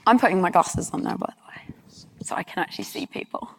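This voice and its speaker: A woman's voice: on the low side, very animated, a little fast, vocal fry, in a whisper. A woman giving a conference talk on stage and answering questions, candid and chatty, with frequent ums. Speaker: conference speaker. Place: conference hall.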